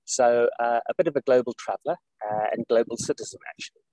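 A man from South Africa, an executive director, explains his work in an interview over a video call, talking in a measured way with many fillers and restarts. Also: mid-range voice, warm tone, dry recording, rough recording. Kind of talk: interview conversation. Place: Saudi Arabia, remote call.

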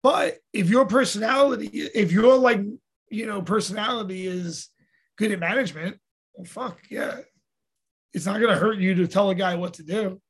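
A high-voiced man from New York, a mixed martial arts fighter who hosts a podcast, chats casually and profanely. He rambles, swears freely and acts out his own quotes, talking at normal speed with a fairly bright, slightly rough tone.

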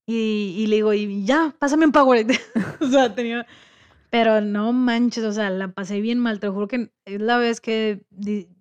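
A woman's voice: medium pitch, unhurried, smooth. A woman with a Mexican accent telling a story in casual chat, acting out the voices of the people she quotes. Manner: lively storyteller who acts out quoted voices.

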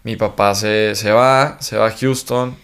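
Low-voiced northern Mexican man. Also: unhurried. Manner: relaxed storytelling with laughs and slang. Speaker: podcast guest. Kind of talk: casual chat.

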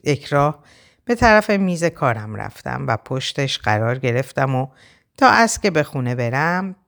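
A woman narrating a novel aloud in the first person, with expressive storytelling. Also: sits low. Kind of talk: audiobook reading of a novel.

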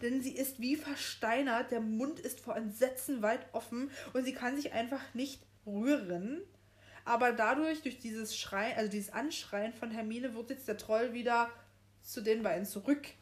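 A young woman in casual chat, retelling a story scene by scene, quick to correct herself and laughing easily. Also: on the high side. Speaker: podcast co-host reading a book aloud.

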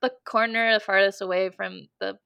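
A woman in her thirties, a comedian guest, telling an animated story in casual podcast chat, acting out her own quotes. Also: medium pitch, normal speed, creaky, smooth, no echo, dull audio.

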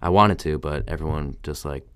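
A man's voice: a bass voice, moderate pace, fairly bright tone, clean tone, no room sound, studio quality. A young man co-hosting a casual podcast while sick, laid-back and hesitant, stumbling through fillers. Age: young adult. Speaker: podcast co-host. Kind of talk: casual chat between friends.

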